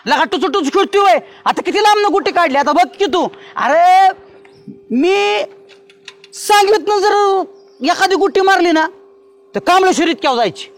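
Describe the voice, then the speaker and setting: A man in a village comedy skit, boasting and bossing kids about with excitable energy. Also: very high-pitched, moderate pace. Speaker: comic lead in a village comedy.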